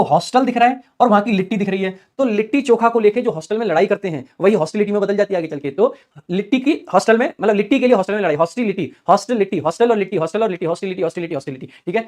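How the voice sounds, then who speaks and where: A man's voice: high voice, a little mellow. A man teaching English vocabulary for exams in a chatty way, repeating key words in a chanting rhythm. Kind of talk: exam-prep vocabulary lesson with memory tricks.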